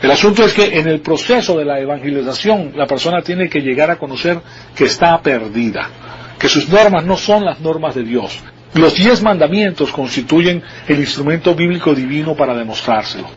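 A man's voice: on the high side, expressive, moderate pace, highs cut off, a little hiss or hum. A man preaching an expository Bible sermon, explaining patiently and asking the congregation rhetorical questions.

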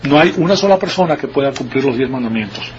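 A man's voice: medium pitch, expressive, fast, dull audio, slight background noise. A man preaching an expository Bible sermon, explaining patiently and asking the congregation rhetorical questions.

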